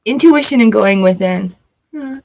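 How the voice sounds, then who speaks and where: A tarot reader with an ordinary-pitched, darkish voice reads the card text aloud, then wanders into chatty, playful asides. Her reading is loose and casual, animated and a little slow, with some vocal fry.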